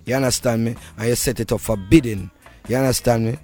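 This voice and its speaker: A man's voice: medium pitch, fast, darkish tone. A man with a Jamaican accent talking casually in an interview, in Rasta speech full of patois and devotional phrases. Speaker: reggae artist being interviewed. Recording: music playing behind the voice. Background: music.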